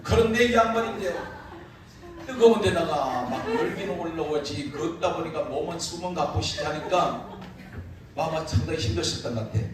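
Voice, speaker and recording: A man's voice: a little high, moderate pace, crowd noise. A man preaching at a revival meeting, telling funny stories and laughing as he goes. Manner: animated, laughing through his anecdotes. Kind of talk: humorous revival sermon storytelling. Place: church sanctuary. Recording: echoey church hall, distant mic, room noise.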